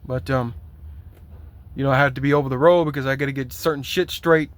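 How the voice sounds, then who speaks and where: Profane, fed-up trucker ranting. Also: male voice, mid-range voice, fairly even intonation, a little fast. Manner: heavily profane, aggravated complaining; loose, rambling with fillers and repeats. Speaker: truck driver. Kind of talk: venting vlog rant.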